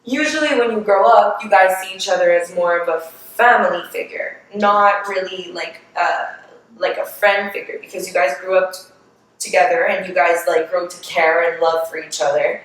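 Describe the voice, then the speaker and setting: A woman's voice: fairly low pitch, moderate pace, a bit bright. A young woman co-hosting a podcast in casual chat, emphatic and swearing as she rambles through her opinions. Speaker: podcast co-host. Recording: very echoey room, far from mic.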